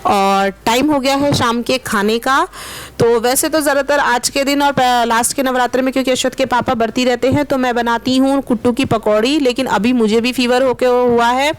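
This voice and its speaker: Higher-pitched woman narrating a home vlog. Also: fairly even intonation, normal speed, clean tone. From Meerut, India. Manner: chatty, explains steps and addresses viewers directly. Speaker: vlogger and housewife.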